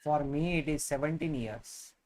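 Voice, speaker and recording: A man in his thirties co-hosts a live chess stream from a room at home. He thinks aloud as he talks through the moves, with many fillers and pauses along the way. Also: fairly high pitch, crowd noise. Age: 30s. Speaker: chess commentator co-host. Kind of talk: casual chess commentary.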